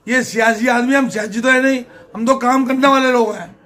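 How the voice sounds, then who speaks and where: An older man answers interview questions in a plain, emphatic way, often saying a point twice. His voice sits high for a man. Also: fairly even intonation, brisk, fairly bright tone. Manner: plain-spoken, emphatic, repeats himself. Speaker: political candidate.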